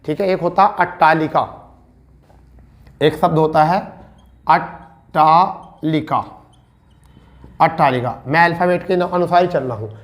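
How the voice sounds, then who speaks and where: Slow-drilling male teacher. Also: fairly high pitch. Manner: repeats each word slowly and quizzes students; addresses listeners as beta and bhaiya. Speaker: Hindi teacher. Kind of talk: online exam-prep lesson.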